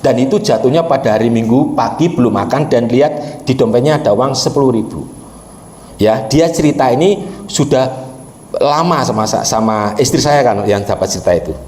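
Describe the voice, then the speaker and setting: A man preaching a story-driven sermon at a middle pitch. He keeps turning to the congregation to address them directly. His voice rings out in a roomy, echoing space. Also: moderate pace, darkish tone. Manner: addresses the congregation often as brothers and sisters. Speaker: pastor.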